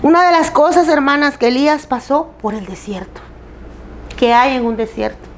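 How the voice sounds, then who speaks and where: Loud, emphatic woman preaching. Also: sits high, normal speed, slight background noise. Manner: loud, emphatic and plain-spoken; candid, with self-deprecating humor. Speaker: preacher at a women's church group. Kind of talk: sermon.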